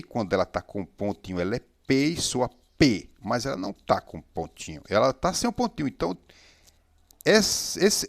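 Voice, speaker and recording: A man teaching Hebrew reading step by step. He is patient, sounds out syllables slowly and keeps checking in with the listener. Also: mid-range voice, gravelly, no room sound, studio quality.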